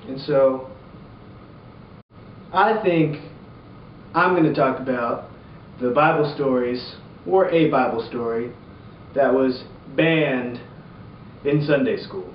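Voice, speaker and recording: A man's voice: medium pitch, slow pace, long pauses. A man with an upbeat, slangy, jokey youth pastor manner, casually telling Bible stories for laughs. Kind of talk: casual comedic Bible storytelling to camera. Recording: roomy, distant, muffled, faint background noise.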